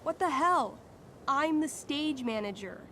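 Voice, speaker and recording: A woman's voice: sits high, lively intonation, measured pace, bright, forceful tone, slight background noise, heavily acted. A woman voicing a friendly, candid teenage girl student in a video game, chatty and conversational. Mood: indignant.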